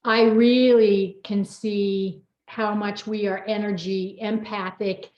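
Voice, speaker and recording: Speaking slowly in a medium-pitched, level tone, a middle-aged woman hosts a personal chat as a co-author. It's unrehearsed, informal and rambling, and the sound is roomy, muffled and lo-fi.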